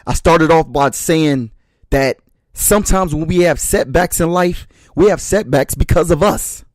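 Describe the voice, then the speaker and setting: A man's voice: fairly high pitch, measured pace, no room sound. A man giving a motivational speech, talking straight to his listeners as brothers and sisters and hammering home short repeated refrains. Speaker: motivational speaker.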